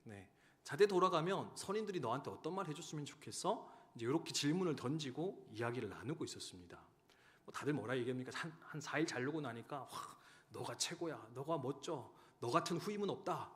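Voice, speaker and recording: A man in his thirties, a pastor giving a sermon, who tells stories and swings between loud urging and hushed, quiet lines. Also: medium pitch, lively intonation, a little fast. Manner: storytelling, swinging from loud exhortation to hushed tones. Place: church sanctuary. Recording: church hall reverb.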